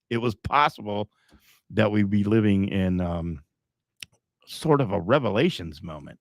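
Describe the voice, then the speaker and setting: A man's voice: fairly low pitch, a little mellow, dry recording, clean studio sound. A middle-aged man hosting a live podcast, talking in a rambling, emphatic way with frequent chuckles. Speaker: podcast host.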